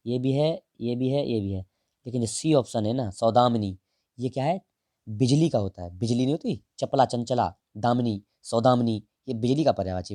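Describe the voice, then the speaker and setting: A man teaching exam prep, going through answers one option at a time in a casual, direct way and drawing some words out slowly. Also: mid-range voice, warm tone, dry recording, clean studio sound. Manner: explains each option, stretches out words while writing; casual and direct, calls the listener brother. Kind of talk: answer-key walkthrough lesson.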